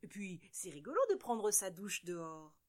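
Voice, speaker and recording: A woman's voice: mid-range voice, moderate pace, darkish tone, lightly acted. A woman voicing a cheerful little male piglet who loves playing in mud, giggly and carefree, in a told children's story. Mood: gleeful.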